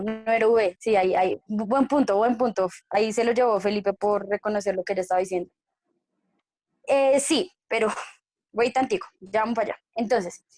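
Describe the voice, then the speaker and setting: A woman's voice: medium pitch, darkish tone, no room sound. Woman English teacher, patient and questioning, online class, dry computer mic. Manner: patient, checks understanding with frequent questions. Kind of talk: online class explaining grammar.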